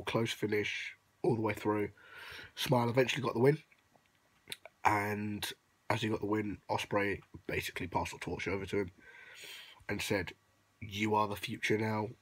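Lying on his bed at night in his bedroom, a young adult male vlogger talks into a phone held close at arm's length, casually recapping in a rambling way with many ums. His voice is hoarse, worn out and fairly low, he sounds unwell and sniffly yet upbeat, and the audio is poor.

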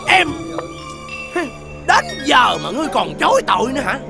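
A stern, authoritative village chief in a folk tale film, handing down formal accusations. His gravelly voice sits high and swings dramatically in pitch. Music plays clearly behind. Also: huge pitch swings, normal speed, full character voice.

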